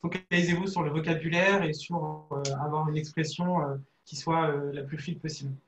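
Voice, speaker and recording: A man's voice: a little high, fairly even intonation, moderate pace, reverberant, dull audio, slight background noise. A man from France with a French accent, a former student speaking frankly and informally in a panel discussion over a video call. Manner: frank, informal, casual phrasing. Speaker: alumnus guest.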